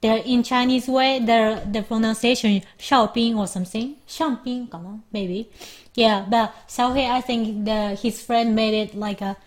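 A Japanese woman co-hosting a casual chat in English, with a Japanese accent and a slightly high voice. She speaks in halting phrases and often pauses to find the right word. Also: fairly even intonation. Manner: halting, searching for words. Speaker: podcast co-host.

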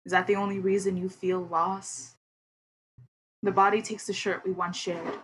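A woman poet reads her own work in a slow, measured voice and then chats as a guest, bubbly and excitable. A faint hiss sits behind her voice throughout the recording. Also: mid-range voice, rough recording. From Queens, New York. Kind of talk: poetry reading and interview.

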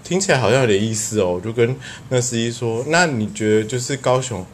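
A young man with a Taiwanese Mandarin accent, telling a story as a podcast co-host in casual chat, animated and often laughing. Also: medium pitch, quick pace, slight background noise.

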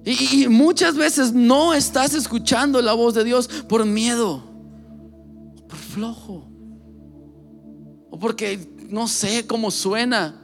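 A man's voice: very high voice, slow, vocal fry, pauses often, faint music behind. A male pastor preaching a sermon with passion, speaking straight to the listener and repeating phrases for emphasis.

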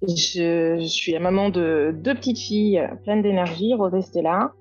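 A woman's voice: on the low side, unhurried, darkish tone, husky, dull audio, soft background music. A woman in her thirties from France, a guest on a podcast interview, speaking hesitantly with many fillers. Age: 30s. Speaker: guest, skincare founder.

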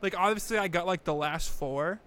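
A man's voice: sits high, moderate pace, fairly bright tone, clear, resonant tone. A man co-hosting a podcast, telling self-mocking stories in casual comedic chat, stammering and laughing as he goes. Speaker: podcast co-host.

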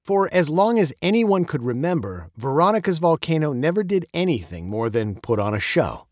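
A man reading a children's chapter book aloud in an expressive, playful storytelling manner. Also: normal speed, no room sound, studio quality. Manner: expressive, playful storyteller with wide pitch swings. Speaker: audiobook narrator. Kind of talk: scripted storybook narration.

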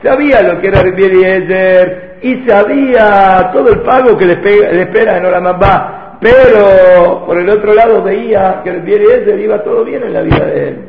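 High-voiced man teaching in echoey hall. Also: moderate pace, creaky, hardly any pauses. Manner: storytelling with rhetorical questions. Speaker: Torah teacher. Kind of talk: religious lesson to a live audience. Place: hall with an audience. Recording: echoey hall, phone-like lo-fi sound.

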